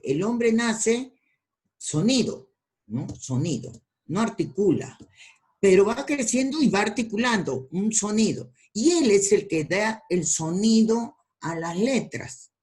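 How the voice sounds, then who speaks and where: A woman lecturing students in an online class, with a deep, low-toned voice and a teacherly way of asking questions and answering them herself. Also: a little mellow. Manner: teacherly, asks and answers her own questions. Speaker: university lecturer.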